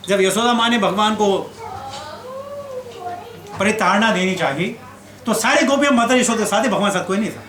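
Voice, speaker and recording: A man's voice: high voice, moderate pace, pauses often. Male preacher telling stories with lots of life, echoey hall, noisy background. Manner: animated storyteller who acts out quotes. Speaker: spiritual teacher. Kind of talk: scripture class sermon. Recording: echoey room with background noise.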